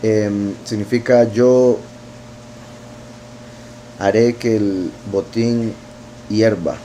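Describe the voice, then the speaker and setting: Guy teaching scripture, slow and thinky, dark mellow voice, little ac hum. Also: on the low side, steady tone. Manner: unhurried, thinking aloud with fillers and tag questions. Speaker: bible teacher.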